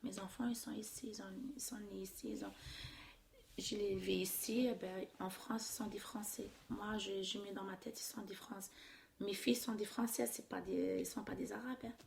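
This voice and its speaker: A middle-aged woman from Algeria, answering interview questions haltingly, with many restarts and trailing off softly. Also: medium pitch, fairly even intonation, creaky. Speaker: interviewee, immigrant mother. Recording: echoey room with faint noise.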